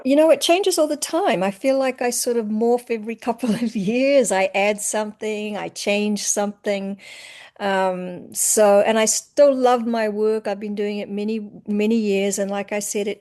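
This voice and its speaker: In a relaxed, reflective manner, an empowerment coach from New Zealand discusses her work during a casual interview. She has a mid-range voice and tends to let her phrases fade softly at the end.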